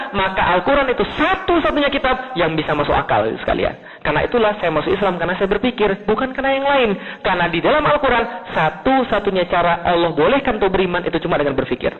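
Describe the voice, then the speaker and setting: A man from Indonesia delivers a lively religious lecture, talking quickly and asking his listeners rhetorical questions. His voice sits high and jumps between emphatic peaks and low asides. The recording is thin and phone-like, with a long reverb from a large hall. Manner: asks the audience rhetorical questions. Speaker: preacher. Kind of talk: Islamic lecture to an audience.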